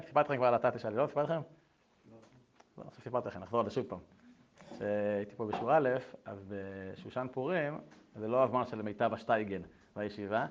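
Animated man teaching Torah. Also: mid-range voice. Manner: animated, shifts between reading texts and telling anecdotes. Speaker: Torah lecturer. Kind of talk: lively Torah lesson with personal stories. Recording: dull lo-fi recording.

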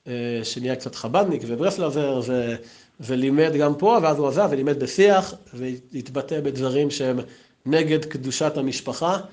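A man giving an anecdotal memorial talk as a yeshiva teacher, telling stories in a lively way. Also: mid-range voice. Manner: lively, storytelling, acts out quotes.

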